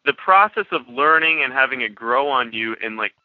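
A man's voice: medium pitch, lively intonation, moderate pace, no room sound. A male podcast host asking curious questions and agreeing often in a casual interview. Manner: curious, with lots of agreeing backchannels. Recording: dull lo-fi dry sound.

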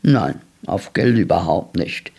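A stubborn, frightened nine-year-old boy, as a man puts him on in a slow storybook reading. The husky, gravelly voice hesitates, halts and stays hushed, though its pitch moves a lot. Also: very animated, heavily acted. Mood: guarded.

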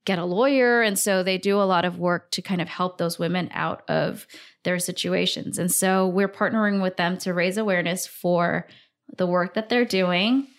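A brand founder in her thirties from Singapore talks enthusiastically and upbeat in a podcast interview, using frequent fillers. Her voice is lowish, with fairly even intonation and a moderate pace.

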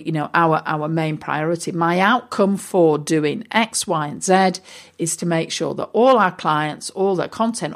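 A woman talking casually as a business coach and host, chatty with many fillers and restarts. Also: fairly low pitch. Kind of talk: casual solo talk.

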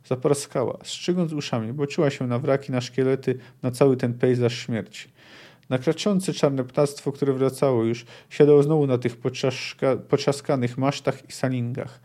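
A man with a warm, dark voice pitched in the middle range reads book passages aloud. Between readings he talks through his thoughts in an unhurried, discursive way, like a podcast host. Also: steady tone.

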